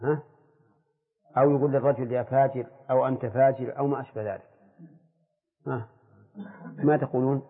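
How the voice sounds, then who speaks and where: A man's voice: mid-range voice, steady tone, husky, phone-quality sound. Older man lecturing on an old echoey tape. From Saudi Arabia. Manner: questions the students, explains slowly. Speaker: sheikh teaching jurisprudence. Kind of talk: classroom lecture on fiqh.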